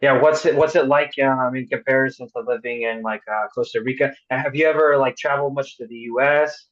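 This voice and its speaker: A man hosting a podcast in casual chat, halting and filling pauses often. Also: mid-range voice, fairly even intonation, fairly bright tone. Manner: halting, many fillers. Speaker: podcast host. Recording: dull lo-fi audio.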